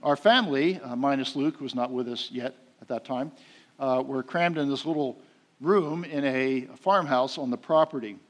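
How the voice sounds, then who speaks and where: A middle-aged man preaches a sermon, recounting a family story in a folksy manner. He uses lots of fillers and swings between loud and soft, with a medium pitch and moderate pace.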